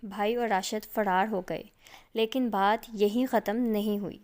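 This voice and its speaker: A woman reading a suspense story aloud in a measured, dramatic way. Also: medium pitch, steady tone, a little mellow. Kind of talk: scripted suspense narration.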